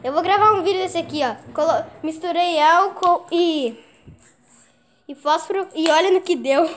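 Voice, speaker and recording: Excitable woman vlogging at home. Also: very high voice, moderate pace. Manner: excitable, shouting at pets, swearing casually. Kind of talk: casual home vlog.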